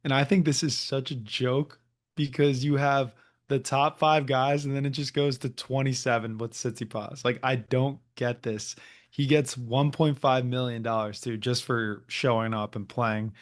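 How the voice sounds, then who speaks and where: A man's voice: medium pitch, steady tone, measured pace. Laid-back male podcast co-host. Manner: laughs often, loose conversational delivery. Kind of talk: casual sports chat.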